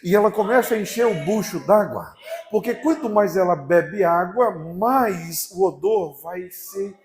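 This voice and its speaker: A young man with a Brazilian Portuguese accent, preaching a live sermon to a congregation as an animated, humorous storyteller who swings between loud and hushed. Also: high-pitched, unhurried. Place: church before a congregation.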